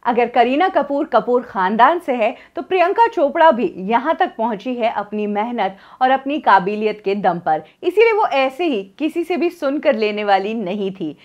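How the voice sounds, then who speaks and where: In a studio, a woman in her thirties delivers scripted celebrity gossip news, telling the story with liveliness and sprinkling in English phrases. Her voice is a little high and the sound is lo-fi.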